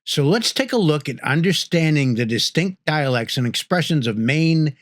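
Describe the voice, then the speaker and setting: A man's voice: fairly high pitch, animated, moderate pace, no echo, clean studio sound. Man narrating a regional guide. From northern New England. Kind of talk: scripted narration.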